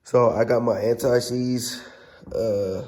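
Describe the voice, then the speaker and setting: A man slowly talks through a casual car repair vlog in his workshop, using slang and sounding hoarse and under the weather. His mid-range voice has a darkish tone and fairly even intonation.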